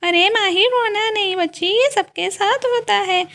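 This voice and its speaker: A woman's voice: very high-pitched, a little slow, a bit bright, full character voice. A woman voicing a proud, doting mother-in-law. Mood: fond. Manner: fond, boastful, comforting. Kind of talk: doll story role-play.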